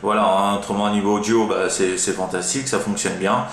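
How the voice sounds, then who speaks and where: In a relaxed amateur radio exchange, a French CB operator speaks briskly in a fairly low voice with little pitch movement. His talk is halting and meandering, full of verbal tags, captured with roomy echo and a faint hum of background noise.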